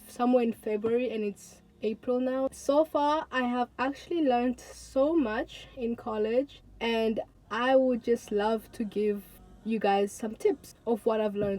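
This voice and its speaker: An eighteen-year-old Tanzanian woman vlogs to her viewers, chatty and earnest, repeating words for emphasis. Her voice is fairly high and warm, though the audio quality is poor.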